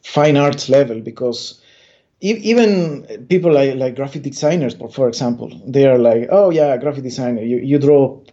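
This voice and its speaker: With a mid-range, mellow voice at normal speed, a comic artist from Bolivia chats loosely in an interview. His speech is rambling and full of stammers and fresh starts, and the audio is dull and lo-fi.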